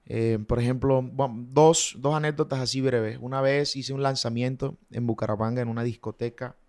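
A man, speaking as a singer who is the guest in a relaxed interview. He tells anecdotes in an animated way, breaking into sound effects and acted snippets of dialogue. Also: medium pitch, normal speed. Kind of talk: casual storytelling interview.

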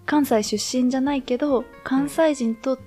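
Over soft background music, a podcast co-host from Kyoto, Japan, talks casually in a Kansai accent, using colloquial dialect phrasing. Her voice sits high with a darkish, steady tone at normal speed.

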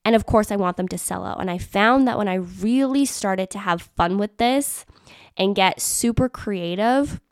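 Chatty woman doing a solo podcast, upbeat and emphatic, smooth voice. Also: mid-range voice, moderate pace, dry recording, studio quality. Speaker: podcast host and business mentor. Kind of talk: casual solo podcast talk.

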